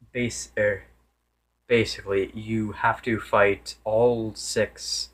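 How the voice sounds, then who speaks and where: A man with a fairly low voice talks through a game review off the cuff. He rambles, restarts his sentences and corrects himself over and over. Now and then he loses track of what he meant to say. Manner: loses his train of thought. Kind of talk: casual unscripted game review.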